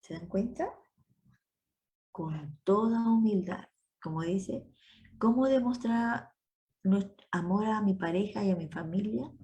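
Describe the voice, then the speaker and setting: An older woman teaching a women's Bible study, giving homely advice with family anecdotes and dwelling slowly on scripture phrases. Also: medium pitch, mellow, poor audio. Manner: slow, deliberate scripture emphasis.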